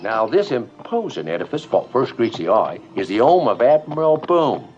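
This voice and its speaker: Actor doing a chipper Cockney handyman, lively swooping tour-guide patter, dull old film sound. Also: mid-range voice, moderate pace, faint music behind, close to an everyday voice. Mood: jaunty. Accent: exaggerated Cockney. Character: cheerful jack-of-all-trades London man.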